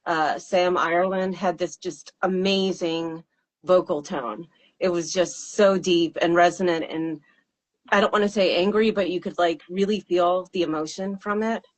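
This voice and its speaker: In an interview, a fairly low-voiced woman who writes and sings her own songs answers in a considered, halting way, with fillers and laughs. Her tone is steady and her delivery a little slow.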